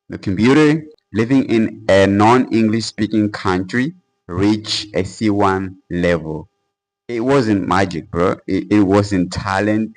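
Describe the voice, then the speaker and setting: The audio is poor as a young man with a fairly low voice delivers an earnest motivational talk to camera in English. He's an English-learning YouTuber from a Portuguese-speaking country, first language Portuguese, who speaks casually with fillers and "bro."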